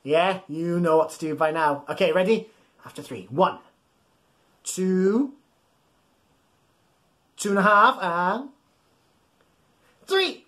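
This man in his thirties has a high, expressive, somewhat bright voice and tells bedtime stories to young children. Playful, exaggerated and encouraging, he asks questions and pauses for his listeners, recording in a small home room full of soft toys.

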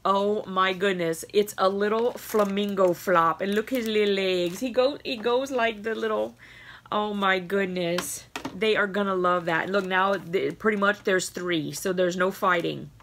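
A woman with a bright, tense voice speaks slowly and unhurriedly to her viewers. She gushes with emotion, close to tears, laughing often. Soft crinkling of packaging sits faintly behind her. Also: medium pitch, fairly even intonation, a little hiss or hum. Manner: gushing and emotional, many laughs and exclamations. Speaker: craft vlogger opening a swap package. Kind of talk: casual chat to camera. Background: crinkling packaging and bubble wrap.

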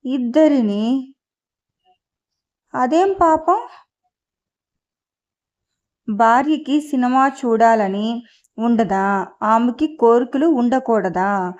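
A woman's voice: fairly high pitch, lively intonation, slow pace, pauses often, a little mellow, lo-fi sound. A woman voicing an earnest, indignant young wife in a storybook reading. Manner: earnest, questioning.

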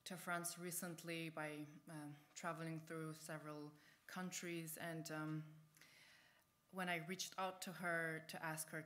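A woman's voice: low-pitched, a bit bright. A woman from the Uyghur region of China introducing a speaker on stage. She hesitates often and restarts her sentences. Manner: halting, with many fillers and restarts. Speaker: event curator introducing the speaker. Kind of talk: onstage introduction.

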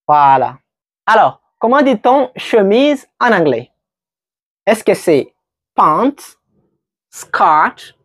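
A woman giving a slow vocabulary quiz lesson as an English teacher, patiently repeating each word for learners. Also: fairly low pitch, breathy edge, no room sound, clean studio sound.

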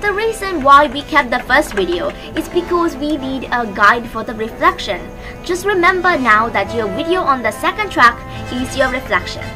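Over background music, a young woman leads a tutorial with scripted instructions delivered step by step into a close microphone on a stand. Her voice is high and sing-song at a moderate pace.

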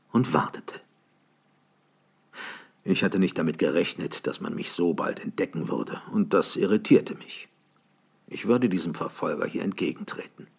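Deep gravelly male audiobook narrator. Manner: dramatic, declamatory reading. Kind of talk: scripted narration.

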